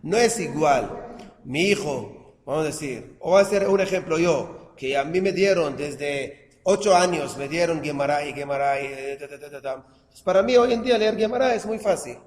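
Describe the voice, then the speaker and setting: A man's voice: a little high, lively intonation. Man lecturing in an echoey room. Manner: reads verses slowly, then explains with rhetorical questions. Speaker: teacher. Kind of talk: classroom lecture on scripture.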